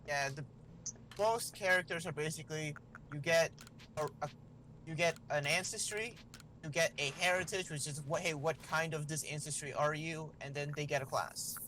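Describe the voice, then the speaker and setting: A man with a somewhat high voice, walking others through character-building rules in a helpful, casual way. Faint noise sits under his line. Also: moderate pace, pushed and bright, poor audio. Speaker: player. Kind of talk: casual chat explaining rules.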